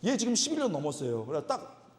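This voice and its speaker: A male pastor tells stories from the pulpit at a retreat service, voice climbing and dropping with lively expression. He slips into the voices of the people he describes and breaks into exclamations. The sound is roomy, with a long reverb tail from the hall. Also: a little high, quick pace. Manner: animated, imitates people in his stories, exclaims. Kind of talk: lively storytelling sermon.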